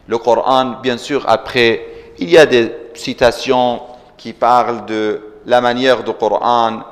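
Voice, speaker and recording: A man preaching a religious sermon, quoting Arabic scripture and explaining it, with sudden impassioned rises in pitch and volume. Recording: long reverb of a large hall.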